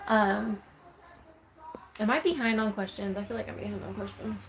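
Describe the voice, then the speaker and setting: A woman's voice: mid-range voice, steady tone, normal speed, slight background noise. Chatty Texan woman reading live chat. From Texas. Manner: chatty, reads viewer comments aloud with filler "um"s. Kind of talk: casual live-stream chat.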